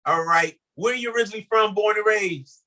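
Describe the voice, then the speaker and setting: A man's voice: high-pitched, brisk, bright, forceful tone. A man hosting an interview show, asking questions in an upbeat, folksy way. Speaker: podcast host.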